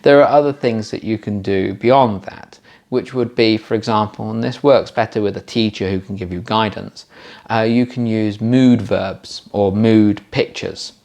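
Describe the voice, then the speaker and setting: A man's voice: fairly low pitch, fairly even intonation, a little slow, darkish tone. A man teaching exam pronunciation in a patient, explanatory way, showing how stress and intonation work. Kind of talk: explanatory lesson.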